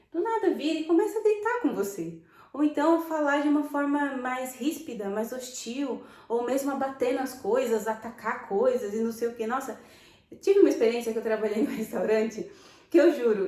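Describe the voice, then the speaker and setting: A Brazilian woman with a Brazilian Portuguese accent, telling stories to camera in an animated, emphatic way and thinking aloud as she goes. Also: fairly high pitch. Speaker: vlogger. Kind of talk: casual storytelling to camera. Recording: roomy echo.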